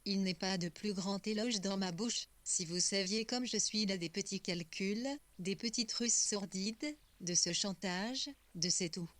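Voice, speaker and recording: A woman's voice: mid-range voice, unhurried, a bit bright, no room sound, close to an everyday voice. A woman reading as a vain, silver-tongued aging politician. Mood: coaxing. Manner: coaxing, caressing delivery. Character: aging male politician, vain and smooth-talking. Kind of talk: audiobook reading.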